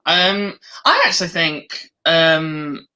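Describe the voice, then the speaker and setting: A man's voice: on the high side, fairly even intonation, takes it slowly, bright, forceful tone. A man co-hosting a podcast in casual chat, giggly and prone to losing his train of thought. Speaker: co-host.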